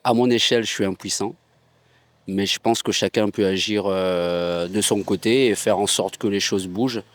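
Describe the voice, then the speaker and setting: A man's voice: on the low side, steady tone, normal speed. A man giving an unscripted interview answer, searching for his words as he goes.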